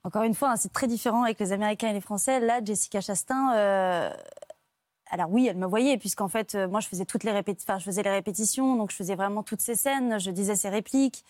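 A French actress and stand-in, appearing as a talk show guest, tells her stories in lively fashion with lots of fillers. She talks fast in a mid-range voice, and the recording has no echo.

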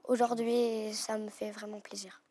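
A woman's voice: mid-range voice, flat delivery, measured pace, dark tone, dry recording. A young girl who stutters, talking hesitantly as a guest with many restarts. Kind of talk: casual chat.

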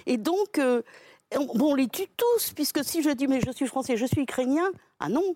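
A woman's voice: high-pitched, expressive, moderate pace, warm tone, no echo. A woman guest in a studio debate, speaking emphatically and thinking aloud with frequent restarts. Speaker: guest commentator.

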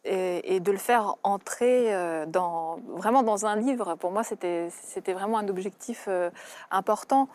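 A woman's voice: medium pitch, unhurried, darkish tone. A woman author from the former Soviet Union, speaking hesitantly with many fillers as a guest on a TV talk show. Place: TV studio.

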